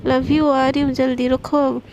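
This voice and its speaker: A woman's voice: high voice, level tone, normal speed, darkish tone, slight background noise, poor audio. A woman voicing a young woman friend who talks in an affectionate, sing-song way.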